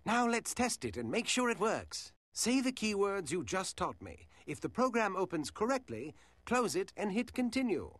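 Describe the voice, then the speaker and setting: An actor playing a cheerful big beaked cartoon toucan mascot, giving polite scripted instructions as a software assistant. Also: male voice, sits high, very animated, moderate pace, hardly any pauses, dry recording, full character voice. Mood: helpful, instructive.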